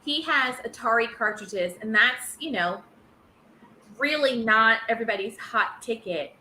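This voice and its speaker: A woman chatting casually as a podcast guest, lively and laughing, with playful put-on voices. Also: fairly high pitch, unhurried, roomy sound, slight background noise, low-quality recording. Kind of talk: casual chat.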